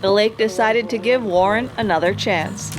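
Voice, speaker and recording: A woman's voice: medium pitch, normal speed, heavy background noise. A woman host reading scripted documentary narration.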